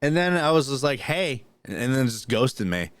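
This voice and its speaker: A man of middle pitch who co-hosts a podcast and rambles through stories with plenty of swearing. He often restarts his sentences and leans on fillers. His voice sounds dry and close, with no room around it. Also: sing-song, fairly quick, dry recording. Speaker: podcast co-host. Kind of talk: casual storytelling chat, then reading news items.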